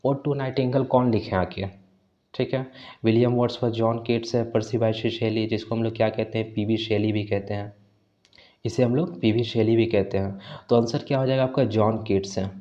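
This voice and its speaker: एक आदमी, शांत और धीमी आवाज़ में पढ़ाता हुआ. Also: male voice, fairly low pitch, steady tone, mellow, muffled recording. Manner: mixes Hindi with English, reading English phrases slowly; repeats "ठीक है" as a filler. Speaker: teacher. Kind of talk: exam-prep lesson.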